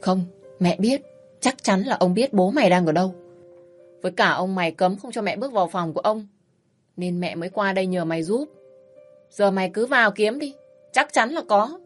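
Brief: woman doing a loud, coarse, bossy mother who nags nonstop, with faint music behind. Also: mid-range voice, lively intonation, normal speed, long pauses, close to an everyday voice. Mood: scolding. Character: shrill scolding middle-aged mother, bossy.

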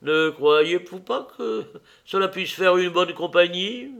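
A man's voice: high-pitched, lively intonation, takes it slowly, vocal fry, fairly bright tone, full character voice. A man voicing a witty, cynical English lord who speaks in languid, epigrammatic phrases.

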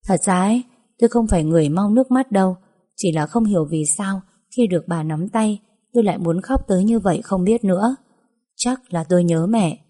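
Young woman narrating an audiobook, chatty and emotional, mellow dark tone. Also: mid-range voice, fairly quick. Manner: chatty, emotional, playful asides. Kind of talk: first-person audiobook narration.

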